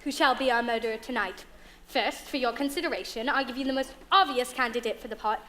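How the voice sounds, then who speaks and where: A woman's voice: fairly high pitch, fast, pushed and bright. An actress playing a cheeky, sweet young woman on a theatre stage, projecting playfully to the audience. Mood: announcing. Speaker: stage actress in a music hall murder mystery. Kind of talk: live theatrical performance.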